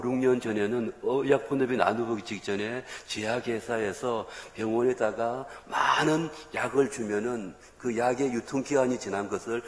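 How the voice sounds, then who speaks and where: Man preaching in an echoey church. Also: mid-range voice. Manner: storytelling, acts out quoted voices. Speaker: missionary preacher. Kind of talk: sermon testimony. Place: church sanctuary. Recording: echoey church hall reverb.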